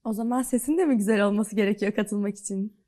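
Yumuşak, sıcak sesli kadın sunucu. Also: female voice, mid-range voice, quick pace, mellow. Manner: polite, inquisitive questioning. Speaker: program host. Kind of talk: interview questions.

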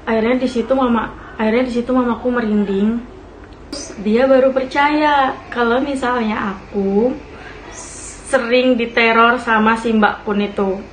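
A woman's voice: on the high side, steady tone, measured pace. A young woman, telling a ghost story in a casual, chatty way to her listeners and often laughing as she talks. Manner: chatty, addresses listeners as friends. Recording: echoey room with faint hiss.

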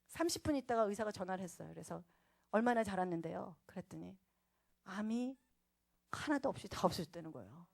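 A woman pastor tells her testimony from the pulpit in a casual, chatty register, as if talking to a room of younger listeners. She drops to a hush, then rises loud and lively, with wry, self-mocking laughter along the way. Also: mid-range voice, moderate pace, creaky, pauses often. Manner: animated storytelling, swinging from hushed to loud; casual, talkative address to a younger audience. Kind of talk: testimony sermon.

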